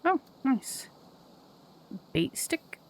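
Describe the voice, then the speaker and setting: A woman casually commenting as she plays a game, relaxed and musing to herself. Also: very slow, a little hiss or hum. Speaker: gamer.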